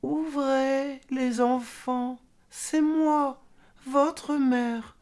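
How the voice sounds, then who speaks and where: A woman's voice: high voice, fairly even intonation, very slow, a little mellow, voice pushed up. A woman voicing the big bad wolf, a sly, menacing male wolf in a storybook reading. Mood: falsely sweet.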